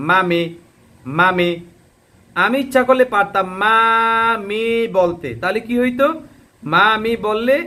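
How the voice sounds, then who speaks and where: A man's voice: high voice, a bit bright. A man teaching Quran reading. He drills letter sounds over and over and asks and answers his own questions.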